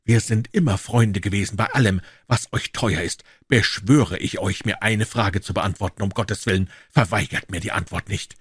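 A man voicing a grim, grief-stricken young male hunter in an audiobook, speaking in a low, intense, stern way. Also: moderate pace, hardly any pauses, breathy edge, dry recording, studio quality. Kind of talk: dramatic audiobook reading.

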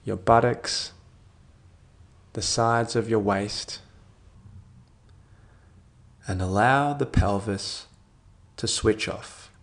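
With a gravelly voice on the low side, a man guides listeners toward sleep in a soothing story-like manner. His gentle phrases fade softly, separated by long pauses.

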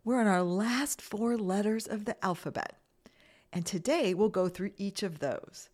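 A woman's voice: mid-range voice, measured pace, a little mellow. A woman hosting a children's mindfulness podcast, giving simple, encouraging guided instructions. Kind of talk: guided mindfulness lesson with breathing exercises.

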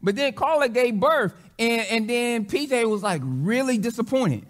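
A man's voice: very high-pitched, expressive, moderate pace, a bit bright. A man, a pastor, preaching a sermon in a conversational way, often restarting phrases and acting out quotes.

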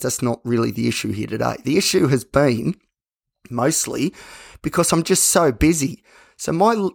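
An Australian man hosts a podcast on his own, speaking candidly in a slightly croaky voice of average pitch with plenty of vocal fry. He rambles in a conversational way and frequently corrects himself.

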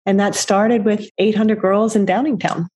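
A woman's voice: medium pitch, steady tone, darkish tone, husky. A middle-aged woman, a nonprofit founder, telling her story in an interview in an earnest, conversational way. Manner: earnest, conversational, with quick restarts.

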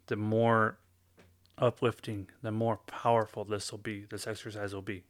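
A man giving a slow guided self-help talk, coaching listeners step by step and often checking in with "okay?". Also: on the low side, flat delivery, no room sound.

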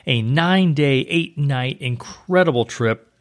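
A man's voice: mid-range voice, measured pace. Chatty male travel podcast host. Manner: informative, chatty. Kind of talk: casual podcast chat.

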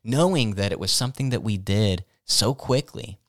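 A man's voice: lowish voice, moderate pace, no room sound, clean studio sound. A man co-hosting a chat show, explaining dog training in an enthusiastic, storytelling way.

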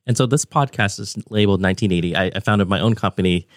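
A man of about forty hosts a podcast interview over a remote call, his low-ish voice clean and studio-dry with no room sound. He talks fast, conversational, enthusiastic and prone to tangents.

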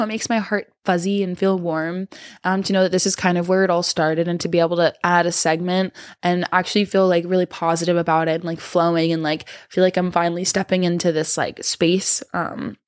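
A woman's voice: fairly low pitch, no room sound, studio quality. A woman hosting a solo podcast, talking in a casual, rambling, slangy way with playful affection toward her listeners. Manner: affectionate, playful, addresses listeners as babe and baby; informal, slangy, self-interrupting. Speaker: podcast host.

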